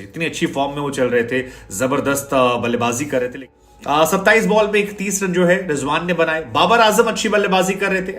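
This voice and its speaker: A man's voice: a little high, fairly bright tone, echoey room. A man giving a chatty, sarcastic cricket match analysis, dropping English phrases into his talk.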